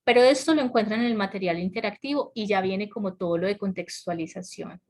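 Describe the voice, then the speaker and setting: A woman's voice: medium pitch, brisk, darkish tone. Woman teaching an online class. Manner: explains patiently, asks the class questions, laughs lightly. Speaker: English teacher. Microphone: computer mic on a video call.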